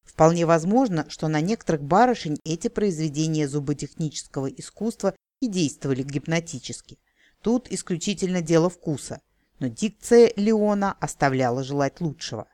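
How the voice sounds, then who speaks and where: A man narrates a fantasy audiobook with a wry, ironic touch. His voice sits a little high. The recording is dry and close, with no room sound. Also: animated, normal speed, mellow, no echo.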